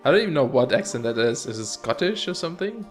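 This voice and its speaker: A man's voice: mid-range voice, very animated, quick pace, soft background music. A man hosting a let's play, chatting casually and upbeat as he plays, with rambling asides. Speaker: gaming channel host.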